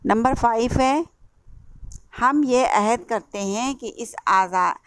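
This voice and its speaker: Female Urdu teacher, Indian accent, slow and repetitive, spells words out, dry close sound. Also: fairly high pitch, clear, resonant tone, no room sound. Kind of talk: classroom lesson explaining a workbook.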